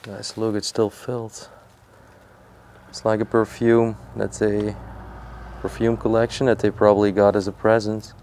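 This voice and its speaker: A young man narrating an exploration vlog in an abandoned house, curious and hushed as he handles old objects. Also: on the low side, little pitch movement, measured pace, slight background noise. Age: young adult. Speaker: urban explorer.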